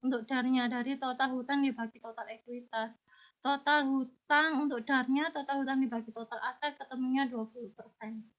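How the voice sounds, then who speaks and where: A woman teacher with a cold patiently explains exam answers step by step, speaking directly to her students. Her high, fairly bright voice is steady and at normal speed, though congestion makes it a little unclear, and the recording sounds muffled.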